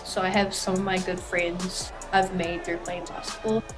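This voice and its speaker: A woman's voice: on the low side, flat delivery, normal speed, music in the background. A young woman who grew up between New Zealand and Australia, a college basketball player answering interview questions casually with many fillers. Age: young adult.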